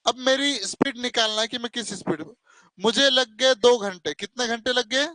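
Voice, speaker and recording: Male coaching teacher, strict and scolding, high-pitched and sharp. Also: moderate pace, dry recording, low-quality recording. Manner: stern, scolding, calls students 'beta', asks 'hai na?'. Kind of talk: classroom math lesson. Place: classroom with students and online viewers.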